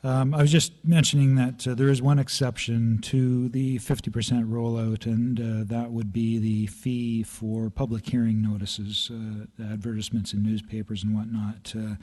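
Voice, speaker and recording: A man with a dark, mellow, slightly hoarse voice reads out a planning budget report at a council meeting. He stumbles along with many fillers and now and then clears his throat, speaking into a chamber microphone. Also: mid-range voice, flat delivery, moderate pace, few pauses. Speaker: city planning staff presenter. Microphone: meeting room microphone.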